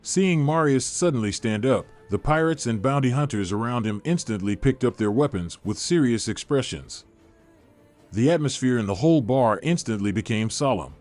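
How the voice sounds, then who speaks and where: Male narrator, mid-range pitch, flat steady storybook reading, faint music bed. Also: moderate pace.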